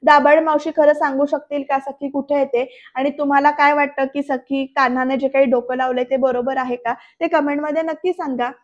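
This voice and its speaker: A woman's voice: sits high, level tone, lo-fi sound. A woman narrating a voice-over recap of a TV serial episode, retelling scenes and speaking straight to her viewers. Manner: retells scenes briskly, addresses viewers directly. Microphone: voice-over recorded separately.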